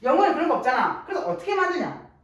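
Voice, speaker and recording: A woman with a lilt lectures to a class, her fairly high voice swinging up and down with lively energy as she keeps quizzing her listeners. She is heard from some way off in a strongly echoing room, with faint noise underneath. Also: rapid-fire, recorded from a distance. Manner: lively, checks understanding constantly with rhetorical questions. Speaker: Korean language teacher.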